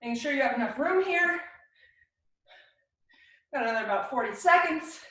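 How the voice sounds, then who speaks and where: A woman's voice: high-pitched, animated, normal speed, a bit bright. A woman fitness instructor coaching a live workout in short, encouraging cues and countdowns. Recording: very echoey room, distant mic.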